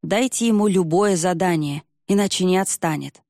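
A woman's voice: lowish voice, moderate pace, a little mellow, no echo, clean studio sound, lightly acted. Woman doing a grumbling old village man.

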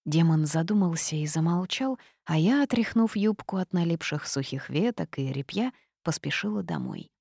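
A woman reading a fantasy novel aloud in the first person, lively and expressive. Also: low-pitched, moderate pace, gravelly, hardly any pauses, slightly rough, dry recording, clean studio sound. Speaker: audiobook narrator.

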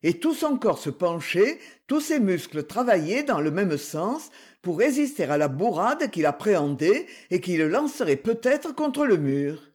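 A reader narrating a literary story as an audiobook, slow and expressive. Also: medium pitch, breathy edge.

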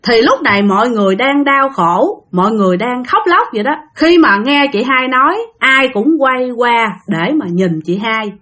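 A woman's voice: fairly high pitch, expressive, moderate pace, few pauses, fairly bright tone. Chatty woman storyteller. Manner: chatty, addresses listeners directly. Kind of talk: spooky storytelling narration.

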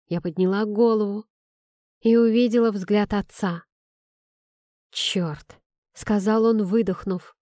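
A woman reading a first-person novel aloud in a calm, measured, emotional way. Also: mid-range voice, dry recording, studio quality. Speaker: audiobook narrator. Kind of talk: first-person audiobook narration.

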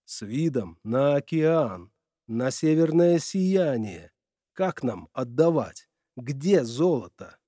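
A frightened middle-aged father in a storybook reading, his words trembling and pleading as he frets. A man acts him out with a mellow, darker tone and dry, close sound. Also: mid-range voice, sing-song, takes it slowly, no room sound. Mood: distraught. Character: anxious middle-aged male engineer father.

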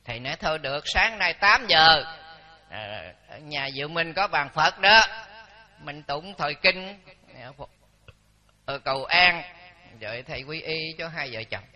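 A man in his seventies, a Buddhist monk, telling stories in a dharma talk with lively quoted dialogue. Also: a little high, measured pace. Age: 70s. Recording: dull lo-fi recording.

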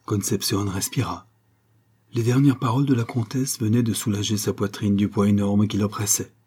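A man narrating a classic novel as an audiobook in an even, literary storytelling manner. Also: lowish voice, normal speed, breathy edge.

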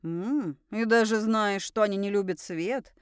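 A woman's voice: medium pitch, measured pace, clear, resonant tone, no echo, studio quality, close to an everyday voice. A woman reading an audiobook voices a cocky young man who drawls his lines with irony. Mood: amused. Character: young handsome man, smug and teasing.

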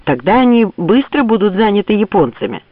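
Man as a firm, protesting general, sharp delivery, lively pitch, thin phone-line sound. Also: brisk, dry recording. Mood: insistent. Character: firm, determined male general. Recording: tinny phone-like dry audio.

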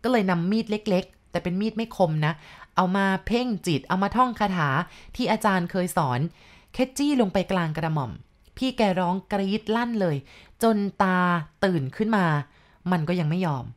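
Female storyteller, lowish voice, casual chatty ghost-story retelling with frequent asides. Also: animated, moderate pace. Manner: chatty, adds explanatory asides and polite particles.

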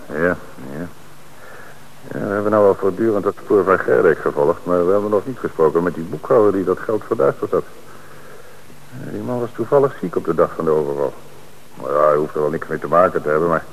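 A male actor with a deep voice and vocal fry plays a calm, shrewd police commissioner in a radio drama, speaking in a measured, authoritative way. The audio sounds dull.

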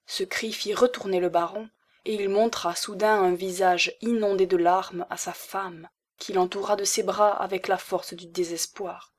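Woman reading a classic novel, audiobook style, mid pitch, measured. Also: steady tone. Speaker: audiobook narrator. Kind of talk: literary audiobook narration.

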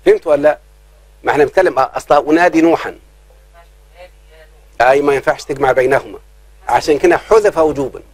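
A man with an Egyptian accent teaching grammar in a live class, checking often whether students follow and drawing out his examples slowly. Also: fairly high pitch, dry recording, poor audio. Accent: Egyptian Arabic. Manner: keeps quizzing students, slows down to drawl examples.

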